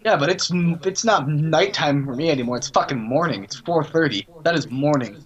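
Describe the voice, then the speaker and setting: A man's voice: fairly high pitch, brisk, highs cut off. A tired man in casual late-night podcast chat, blunt, teasing and swearing freely. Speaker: podcast co-host.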